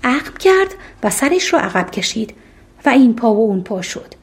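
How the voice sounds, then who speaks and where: A woman narrating a fairy tale audiobook in a calm, even storytelling manner. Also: on the high side.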